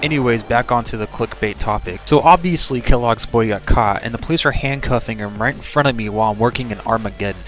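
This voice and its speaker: A man's voice: mid-range voice, fast, few pauses, a bit bright. A man narrating a casual comedic story in a sarcastic manner. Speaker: storytelling gaming video narrator. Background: music.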